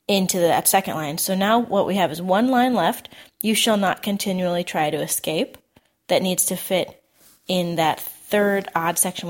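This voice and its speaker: A woman teaching songwriting, working through lyrics aloud in a hesitant, self-correcting way. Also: fairly low pitch.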